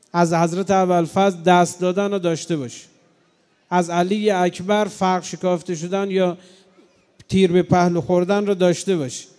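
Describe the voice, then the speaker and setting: A man preaching a mourning sermon, swinging between loud cries and low, grieving tones. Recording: long hall reverb.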